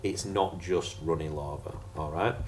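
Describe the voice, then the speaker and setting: A man's voice: low-pitched, a little slow, a little hiss or hum. A man teaching a casual geography revision lesson over slides, chatty and jokey with sarcastic asides.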